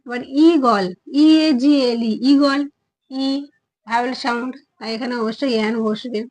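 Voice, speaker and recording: A woman's voice: a little high, fairly even intonation, normal speed, darkish tone, poor audio. A woman teaching a children's English grammar lesson, patiently repeating words and sounding out each vowel. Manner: patient, explanatory.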